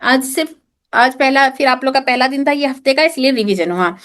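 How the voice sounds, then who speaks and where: Woman, high voice, recitation teacher leading an online class, slow demonstrations with repeated sounds. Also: a bit bright. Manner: explains slowly, demonstrates sounds by repetition; mixes English terms into explanation.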